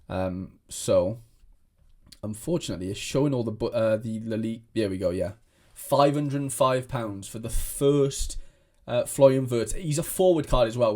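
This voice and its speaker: This young fantasy football content creator, whose first language is Welsh, has a lowish, slightly mellow voice. He chats casually to camera in a rambling way, full of fillers and restarts.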